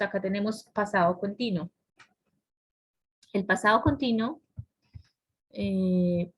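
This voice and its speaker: A woman teaching English grammar over a video call. She explains step by step and often restarts her sentences as she goes. Her voice sits at a middle pitch. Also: slight background noise, low-quality recording. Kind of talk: online class lecture.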